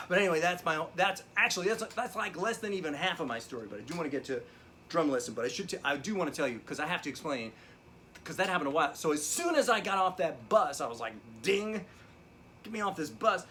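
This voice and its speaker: A man's voice: fairly high pitch, lively intonation, fast, bright, forceful tone, a little hiss or hum. A man playing a down-on-his-luck drum teacher who rambles through a digressive, profane story during a remote lesson. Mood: rambling. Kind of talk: comedic character monologue. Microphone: video call lesson.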